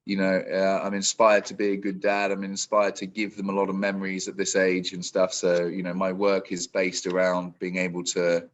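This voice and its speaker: Over a video call, a deep-voiced man in his forties who works as a business coach gives loose, meandering answers full of restarts. He talks at normal speed with hardly any pauses, and the audio sounds dull.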